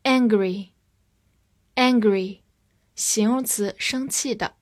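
A woman's voice: on the high side, animated. A woman teaching English vocabulary, spelling each word letter by letter and repeating example sentences for learners. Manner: spells words out letter by letter, slow drilled repetition. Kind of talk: spoken vocabulary lesson.

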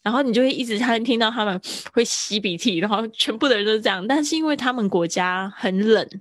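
A woman teaching English vocabulary on a livestream, mixing English words into chatty Chinese explanations and slowly drilling pronunciation. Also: fairly high pitch, no echo, studio quality. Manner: laughs easily, drawn-out word drills.

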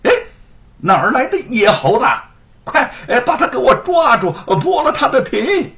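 A man's voice: extremely high pitch, big pitch swings, drawn-out words, fairly bright tone, pitched above the performer's own voice, exaggerated voice. A man voicing a bullying male yamen constable chief who barks threats and orders. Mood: furious. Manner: barking, threatening.

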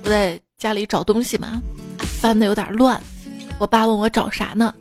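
A woman's voice: medium pitch, little pitch movement, moderate pace. A woman hosting a comedy show, reading listeners' funny anecdotes aloud, acting out the quoted lines and laughing at her own jokes. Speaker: comedy podcast host. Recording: background music.

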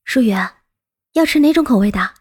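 A woman voicing a gentle young mother who talks softly and coaxingly to a child. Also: fairly high pitch, lively intonation, moderate pace, slightly rough. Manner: soft and coaxing.

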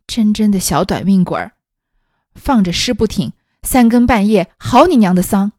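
A woman's voice: medium pitch, lively intonation, normal speed, darkish tone, no room sound, clean studio sound, lightly acted. A woman reading the lines of a resentful wet nurse who mutters curses under her breath. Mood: grumbling. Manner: muttering and cursing.

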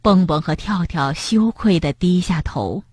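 A woman reading a children's story aloud, with a lively, widely swinging melody. She reads slowly with a breathy tone. The sound is close and dry. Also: lowish voice, dry recording. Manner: expressive, unhurried storytelling.

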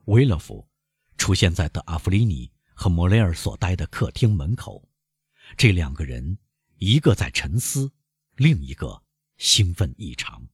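Brief: male audiobook narrator, very low, husky, slow and wide-ranging, dry close sound. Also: no echo. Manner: measured, expressive storytelling.

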